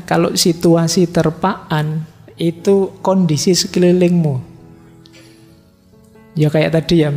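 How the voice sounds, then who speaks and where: A middle-aged male lecturer teaches in an easygoing, conversational way. His voice sits a little high for a man, with a dark, gravelly texture. The sound is a long-reverb hall recording with faint music underneath. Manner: relaxed, conversational teaching with everyday examples. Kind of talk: philosophy lecture.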